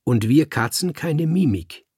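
A man voicing a sly, composed male French tomcat who talks calmly and smugly like a salesman, with a husky, creaky voice. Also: medium pitch, a little slow, no echo, studio quality, voice pushed up, heavily acted. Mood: cool. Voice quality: calm, smug, salesman-like. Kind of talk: audiobook character voice.

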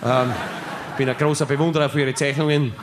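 A man's voice: mid-range voice, little pitch movement, fast, background noise, natural voice. Man doing a fussy Austrian office clerk. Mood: embarrassed. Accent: Austrian German. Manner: fussy, bureaucratic, apologetic. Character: flustered male tax-office clerk.

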